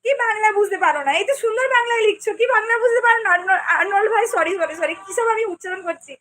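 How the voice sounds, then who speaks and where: Talking rapid-fire in a very high, slightly bright voice, the young woman from Medinipur, West Bengal, India, runs a casual livestream for her cooking channel. She reads viewers' comments and answers every one of them by name.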